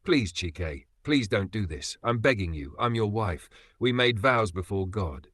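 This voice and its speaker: A man's voice: lowish voice, expressive, measured pace, a bit bright, slightly rough, dry recording, full character voice. A man voicing a heartbroken young wife who begs her husband through tears. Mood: begging. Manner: tearful, begging.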